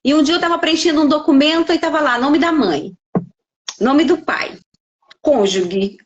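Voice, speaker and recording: A woman's voice: sits high, moderate pace, highs cut off, slight background noise. A middle-aged Brazilian woman who speaks Portuguese and tells stories in a podcast conversation, acting out the dialogue she quotes. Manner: expressive storyteller, acts out quoted dialogue. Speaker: podcast guest, life coach. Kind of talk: casual conversation.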